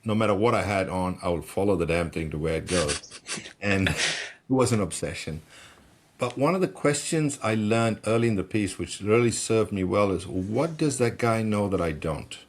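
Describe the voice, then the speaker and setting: A middle-aged man from Malaysia, a personal development coach being interviewed, telling stories in an animated way and often restarting words as he gets excited. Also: lowish voice, normal speed, a little hiss or hum. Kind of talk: conversational storytelling.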